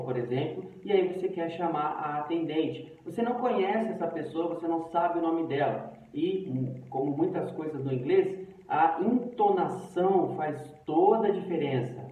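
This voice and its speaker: A man explains English phrases in with patient, clear teaching. He repeats the examples slowly and leans hard on the intonation. His voice sounds thin and phone-like, set back from the mic in a very echoey room. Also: on the high side. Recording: echoey room, tinny and distant.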